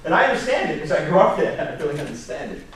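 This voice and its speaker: A Long Island man with a Brooklyn New York accent, a job search instructor, gives an informal talk to a staff meeting, telling stories with animation, acting out quotes, posing rhetorical questions, and chuckling. His voice is a little high and very fast. It's captured from a distance in an echoey indoor meeting room with background noise.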